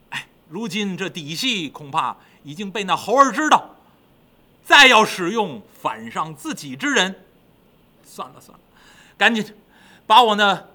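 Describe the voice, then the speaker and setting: A man voicing a grieving, vengeful male demon king who gives orders in a slow, solemn, commanding way. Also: high voice, bright, forceful tone, exaggerated voice.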